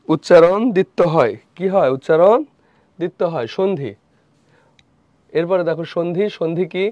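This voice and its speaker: A young male teacher runs a live online revision class. His voice sits a bit high for a man, and he asks each question twice before answering it himself. The sound is dull and lo-fi, with a dry, close feel. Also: a little mellow, no echo. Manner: repeats questions and answers them himself, quick asides. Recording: dull dry lo-fi stream audio.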